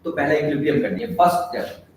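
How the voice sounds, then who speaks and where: A man's voice: a little high, fairly even intonation, slight background noise. Echoey, distant male physics teacher. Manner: addresses students, asks questions, dictates formulas slowly. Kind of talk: classroom lecture. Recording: echoey room, heard from a distance.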